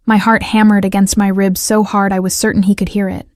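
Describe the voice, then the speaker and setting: A woman narrating a first-person romance story in a measured, steady audiobook reading. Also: medium pitch, no room sound, clean studio sound.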